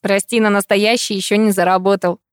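A woman voicing a gentle young man in an audiobook. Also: mid-range voice, little pitch movement, brisk, smooth, no room sound, clean studio sound, natural voice.

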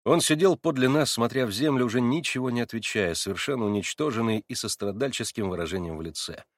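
A man reading a classic novel aloud in measured, even literary narration. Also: mid-range voice, no room sound, clean studio sound. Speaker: audiobook reader.

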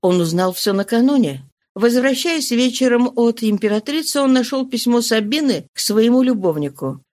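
A woman narrating an audiobook in a measured, even reading. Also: a little high.

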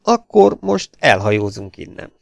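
A man's voice: on the low side, big pitch swings, no echo, studio quality. A man doing a mock-polite gangster. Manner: smooth, mocking courtesy. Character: mock-polite adult male gangster, cool and menacing.

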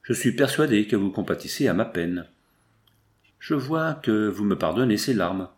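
A man's voice: on the low side, expressive, normal speed, lightly acted. A man reading the lines of a proud, grieving medieval prince in an audiobook, in a declamatory, pleading manner. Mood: mournful.

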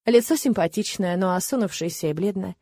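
Woman reading a fantasy audiobook, expressive, dry close sound. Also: mid-range voice, fairly quick, breathy edge, no echo. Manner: expressive, lively storytelling. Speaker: audiobook narrator. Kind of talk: first-person fantasy narration.

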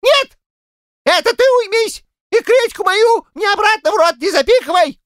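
A man voicing a quarrelsome old village man in a shrill falsetto, rambling and shouting in heated bursts. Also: lively intonation, moderate pace, no room sound, studio quality. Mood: furious.

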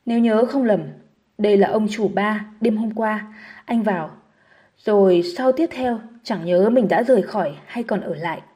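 A woman narrating a novel audiobook in a steady, measured reading style. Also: mid-range voice.

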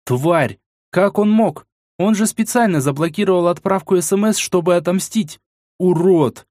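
A furious young woman warrior shrieks curses, as a male reader puts her on, her voice pushed well up into a high, strained register. The recording is dry and close, with no room sound. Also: moderate pace, no echo, natural voice. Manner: swearing, screaming in rage.

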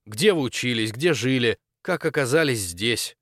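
A man's voice: mid-range voice, expressive, moderate pace, fairly bright tone, no room sound, clean studio sound. A man voicing an earnest, polite young male exorcist in an audiobook, speaking courteously and eagerly.

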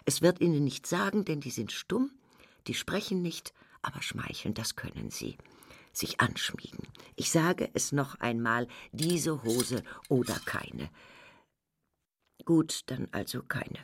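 A sly, taunting inner voice. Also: female voice, very deep voice, expressive, a little slow, a little hiss or hum, exaggerated voice. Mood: coaxing. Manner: sly, coaxing, with soft whispers. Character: taunting voice that mocks an aging woman. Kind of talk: literary radio drama.

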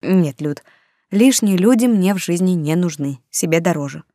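A woman's voice: on the low side, lively intonation, normal speed, warm tone, dry recording, clean studio sound, natural voice. A woman voicing a guarded wry young mother. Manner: wry, reserved. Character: guarded, sober-minded young single mother.

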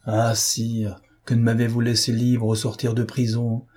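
A man voicing a proud, defiant gentleman thief in an audiobook, mocking and self-assured. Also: mid-range voice, completely flat delivery, unhurried, husky. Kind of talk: audiobook character reading.

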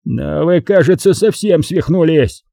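A man voicing a hot-tempered, bald middle-aged business tycoon with a booming, gruff delivery. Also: a little slow, mellow, dry recording, clean studio sound. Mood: blustering angry.

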